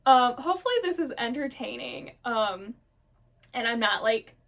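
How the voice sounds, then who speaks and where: A woman vlogger sitting on camera, chatting casually about her characters in a rushed, gushing, rambling way. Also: fairly high pitch, animated. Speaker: storyteller vlogger. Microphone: camera mic, seated on camera.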